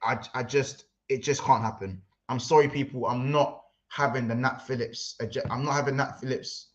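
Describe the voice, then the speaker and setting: A man hosting a casual football livestream, rambling and excitable, reading out chat messages. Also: medium pitch, normal speed, dull audio, slight background noise. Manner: excitable, rambling, London slang. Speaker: livestream host.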